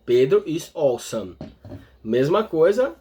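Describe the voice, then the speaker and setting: A man with a Brazilian Portuguese accent teaches an English grammar lesson for online viewers. He talks through each point step by step and keeps checking in with his listeners. His voice sits fairly high and has a breathy, husky grain. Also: big pitch swings, takes it slowly, warm tone.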